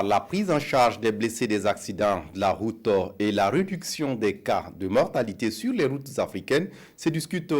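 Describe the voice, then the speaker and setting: A man anchoring an evening TV news bulletin, reading in a measured, formal way. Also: medium pitch, a little mellow. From Burkina Faso.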